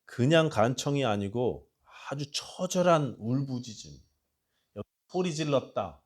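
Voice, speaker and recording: Impassioned Korean pastor preaching. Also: male voice, mid-range voice. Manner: swings from hushed asides to loud impassioned cries; reads scripture aloud with the congregation. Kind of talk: sermon. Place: church sanctuary.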